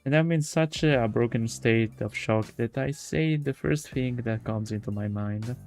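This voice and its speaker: With game music behind him, a man reads a visual novel out loud on stream, tossing in offhand remarks. His delivery is halting, and he keeps tripping over words and repeating them. His voice is mid-range and slightly dark in tone.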